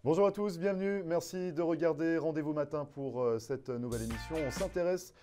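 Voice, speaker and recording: A man's voice: on the high side, a little fast, over loud music. A man hosting a casual morning interview show, talking with frequent hesitations and a joking tone. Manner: hesitant, filler-heavy, joking.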